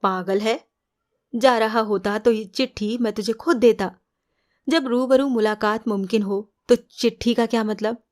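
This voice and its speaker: A wry private eye, dry and mock-scolding as he banters, voiced by a woman reading the novel. The delivery is slow and measured, pitched somewhat high for a man. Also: fairly even intonation, darkish tone, natural voice. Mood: bantering. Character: wry, grumbling male private detective. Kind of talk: audiobook character reading.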